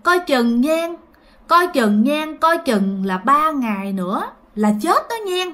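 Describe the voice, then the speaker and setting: A woman's voice: high-pitched, expressive, takes it slowly, a bit bright, full character voice. A woman voicing a middle-aged male ghost, giving a blunt, casual warning in a told ghost story.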